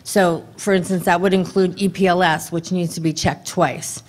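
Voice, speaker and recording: A woman in her thirties giving a conference talk at a podium microphone in a dim hall, brisk and conversational, throwing rhetorical questions to the audience. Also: fairly low pitch, fairly even intonation, darkish tone. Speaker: government contracting presenter. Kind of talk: conference presentation.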